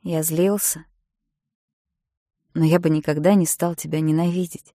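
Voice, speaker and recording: A woman's voice: fairly low pitch, normal speed, a little mellow, no room sound, clean studio sound, close to an everyday voice. Woman voicing a proud, stubborn teenage boy. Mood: tense.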